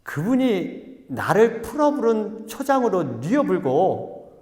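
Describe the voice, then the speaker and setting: Pastor doing a slow drawly jeolla-dialect reciter, folksy, big echoey church. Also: male voice, sits high, sing-song, darkish tone, pitched above the performer's own voice, exaggerated voice. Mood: comic. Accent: Jeolla Korean dialect.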